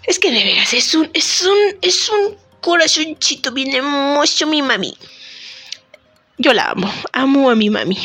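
A woman's voice: fairly high pitch, fairly bright tone. A woman, host of a casual talk podcast, chatting to listeners in a joking, self-deprecating way while a bit sick. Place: temporary recording spot.

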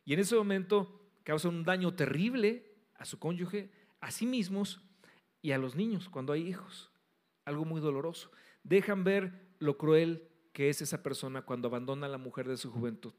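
A middle-aged man preaching a sermon as pastor, emphatic, swinging between loud stresses and soft drops. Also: on the high side, moderate pace.

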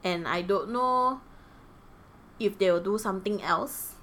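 A woman's voice: medium pitch, a little slow, slight background noise. A young adult woman with a Singaporean accent, chatting casually and animatedly in colloquial Singlish as she tells stories as a podcast co-host. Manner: animated, giggly.

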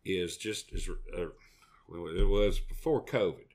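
Low-voiced, rambling Southern man. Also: a little slow, darkish tone. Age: middle-aged. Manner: rambling, down-home. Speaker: podcast co-host. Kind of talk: folksy casual chat.

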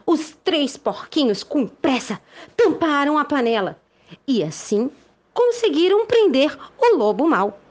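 A Brazilian woman telling a story to children in the expressive manner of a kids show host. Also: high voice, unhurried.

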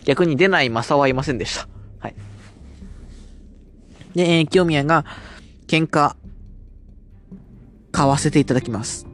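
A man's voice: on the high side, normal speed, long pauses, soft background music. A man hosting a casual solo talk show, recounting events in a chatty way and sometimes mimicking what others said. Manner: chatty, recaps promos in a lightly mimicking tone. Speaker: podcast host reviewing wrestling shows.

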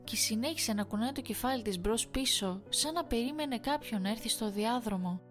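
A woman reading a first-person horror story aloud in a measured, suspenseful storytelling manner. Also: a little high, faint music behind. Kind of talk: scripted horror story narration.

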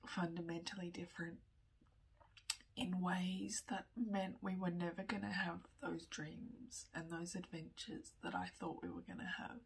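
A woman in her thirties, tearful with a running nose, talking candidly in a personal vlog, often in a breathy whisper and pausing as she goes. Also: fairly low pitch, poor audio. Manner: slow, halting, candid, with small laughs. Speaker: vlogger.

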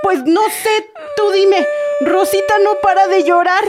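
A woman playing a Mexican mother in a family skit with a high, bright voice. She is stern when the kids misbehave, then patient and gentle as she explains things to them. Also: a little slow, heavy background noise. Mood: scolding.

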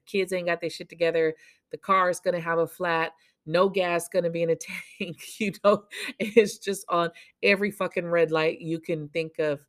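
A woman hosting a podcast, giving a casual motivational monologue in a blunt, profane, animated way. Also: low voice, gravelly. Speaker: podcast host.

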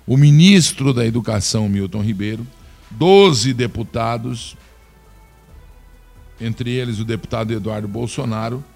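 A man's voice: mid-range voice, creaky. A man from Brazil giving opinionated political commentary, indignant and scornful, talking straight to his listeners.

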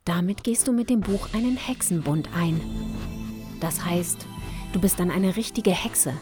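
Casting: woman as a strange young occult collector, calm, hushed and knowing, faint music behind. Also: lowish voice, unhurried, lightly acted. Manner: hushed, calm, instructive, often whispering. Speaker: [name]. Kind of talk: German horror audio drama acting.

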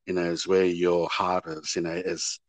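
A man, an actor answering interview questions in a halting way that often repeats words. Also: low voice, flat delivery, no echo. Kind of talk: casual interview chat.

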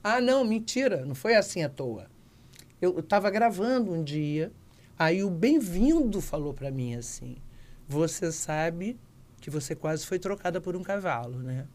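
An older actress being interviewed, telling anecdotes in a lively way and acting out the voices of the people she quotes. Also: fairly low pitch, measured pace. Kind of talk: casual interview storytelling.

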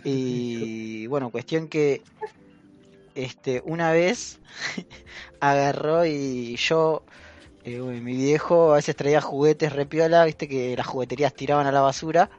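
A man's voice: medium pitch, slow pace, a little mellow, muffled recording, faint music behind. A young man with a Rioplatense Spanish accent, chatting casually with friends in slangy talk and frequent laughter. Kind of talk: casual chat among friends.

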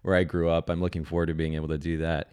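A man's voice: sits low, flat delivery, rapid-fire, darkish tone, smooth. A man in his thirties hosting a podcast interview, friendly, often repeating words as he starts a sentence. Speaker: podcast host. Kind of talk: casual interview chat.

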